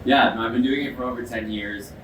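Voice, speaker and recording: A man's voice: mid-range voice, steady tone, quick pace. A man giving an explanatory product demo as an expert, speaking in an earnest, emphatic way. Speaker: ice bath expert and product demonstrator with sports medicine background. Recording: echoey, distant mic, noisy background.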